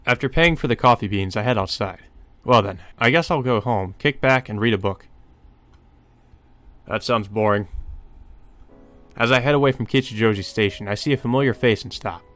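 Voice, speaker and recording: A man with a fairly low, slightly bright voice reads a visual novel aloud for a playthrough at a moderate pace, pausing often. He sometimes stumbles and rereads a line, with game music playing behind him.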